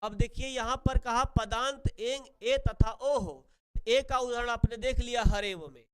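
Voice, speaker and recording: A man's voice: extremely high pitch, measured pace, smooth. A man teaching Sanskrit grammar in a classroom-style lesson, who asks and answers his own questions and repeats key words. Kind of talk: classroom lesson explaining rules.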